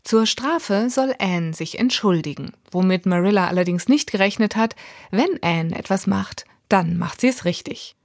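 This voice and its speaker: A woman presenting a scripted audiobook review in a lively, clear way. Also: medium pitch, moderate pace, no echo, clean studio sound. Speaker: book reviewer.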